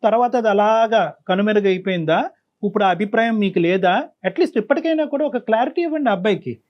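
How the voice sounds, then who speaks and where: A man's voice: sits high, animated, fairly quick, lo-fi sound. A male counselor hosting a talk show, probing and moralizing with pointed questions.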